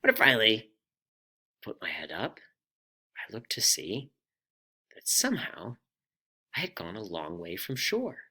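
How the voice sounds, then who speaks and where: A man hosting a personal finance vlog, telling a story in an animated, self-deprecating way. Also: on the low side, unhurried, pauses often, husky. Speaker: vlog host.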